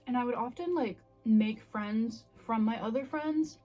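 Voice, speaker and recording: A woman's voice: fairly high pitch, a little slow, dark tone, soft background music. A woman in her twenties chatting casually and candidly to the camera in a self-reflective, confessional way. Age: 20s. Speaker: vlogger.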